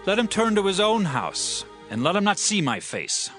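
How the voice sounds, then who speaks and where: A king in a dramatized scripture drama, issuing commands in a high voice that rises and falls widely. Quiet music sits underneath. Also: very animated, normal speed. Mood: stern. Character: weary but commanding king, male.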